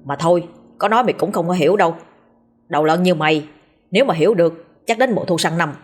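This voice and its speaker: A woman voicing a calm, blunt young male exorcist who talks briskly and low. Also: breathy edge, soft background music. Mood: curt.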